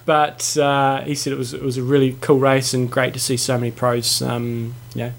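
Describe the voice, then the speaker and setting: A man with a New Zealand accent co-hosting a casual sports chat, reporting on races in a halting, repetitive way. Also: medium pitch, flat delivery, creaky. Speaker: co-host of a triathlon show.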